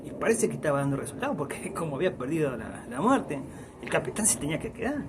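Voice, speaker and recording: Quick-paced and sing-song, a man with a highish voice and an Argentine Spanish accent narrates a folk tale amid background noise. He wanders through the story like a spoken-word teller, repeatedly dropping "dice" at the ends of lines.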